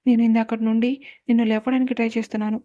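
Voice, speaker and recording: Woman reader doing a love-struck young man: tender, quick inner thoughts, mellow. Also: on the high side, flat delivery, highs cut off, close to an everyday voice. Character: smitten, teasing young man.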